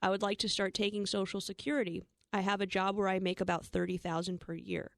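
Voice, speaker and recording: A woman co-hosting a financial talk show, explaining listener questions in a brisk, enthusiastic way. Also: mid-range voice, level tone, vocal fry, no room sound, clean studio sound. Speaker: financial radio show co-host. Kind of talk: casual talk radio chat.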